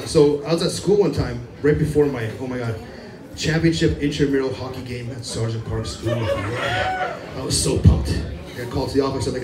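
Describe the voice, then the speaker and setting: This comedian speaks at medium pitch on a club stage, doing a loose, self-deprecating set and cracking himself up as he rambles. A distant mic gives roomy audio, with laughter from the live crowd.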